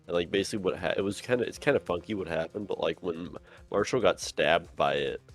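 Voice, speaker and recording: Deep-voiced rambling man streamer. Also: quick pace, faint music behind. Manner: rambling, full of "like". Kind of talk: casual let's-play chat.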